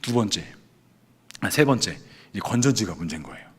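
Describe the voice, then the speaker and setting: A man preaching from the pulpit in a low, husky voice with a lively, swinging delivery. He tells a personal testimony as a sermon and acts out his own past prayers and inner thoughts along the way. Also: brisk. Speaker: pastor.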